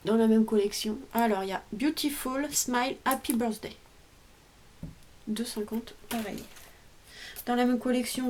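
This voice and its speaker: A woman's voice: a little high, a little mellow, slight background noise. Chatty French woman showing craft buys. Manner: chatty, hesitant, trails off. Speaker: craft vlogger. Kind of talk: casual show-and-tell haul.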